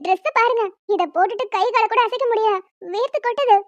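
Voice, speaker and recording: A woman's voice: extremely high pitch, fairly quick, dry recording, lo-fi sound. A woman doing a cheeky young cartoon heroine. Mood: coaxing. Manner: coaxing, playful and unbothered. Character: young woman in superhero costume, cheeky and apologetic. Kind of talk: animated cartoon voice acting.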